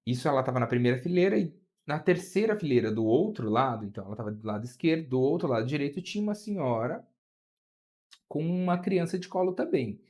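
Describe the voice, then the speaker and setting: A man with a Brazilian Portuguese accent, a flight attendant guest telling a story in an interview, his voice climbing as the story builds. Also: quick pace. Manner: animated, pitch rising as the story builds.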